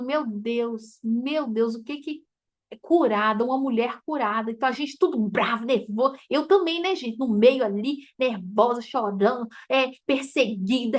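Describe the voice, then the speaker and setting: Brazilian woman teaching a faith class, high voice, chatty and emotional, laughs a lot. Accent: Brazilian Portuguese. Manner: chatty and emotive, addressing listeners as "gente", laughs often. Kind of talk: informal teaching talk to a group.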